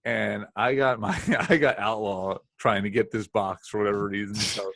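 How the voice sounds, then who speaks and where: A man's voice: fairly low pitch, fairly even intonation, moderate pace, gravelly, a bit bright, dry recording, clean studio sound. A man co-hosting a casual sports podcast, ribbing the others and laughing often. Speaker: podcast co-host.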